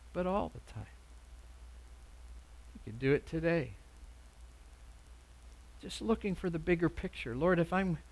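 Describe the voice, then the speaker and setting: A man preaching a sermon, emphatic and repeating words for stress, swinging between loud urging and soft asides. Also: on the high side.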